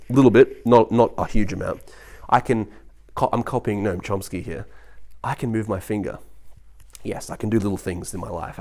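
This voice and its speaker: A man vlogging in a loose, rambling monologue. He talks quickly and animatedly, restarting his sentences often and slipping into mocking voices for the people he quotes. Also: fairly low pitch, creaky, darkish tone. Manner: mock voices when quoting others.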